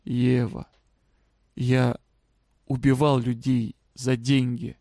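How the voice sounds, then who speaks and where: A man voicing a sick, weary middle-aged father who talks quietly, almost whispering, and slowly. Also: mid-range voice, little pitch movement, no echo, clean studio sound, close to an everyday voice. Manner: quiet, near whispering, slow.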